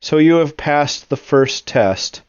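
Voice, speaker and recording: A man's voice: a little high, animated, slow, clear, resonant tone, no room sound, muffled recording, pitched above the performer's own voice. A man voicing a portentous, taunting unseen guardian who tests adventurers in a tabletop game. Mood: taunting, ominous.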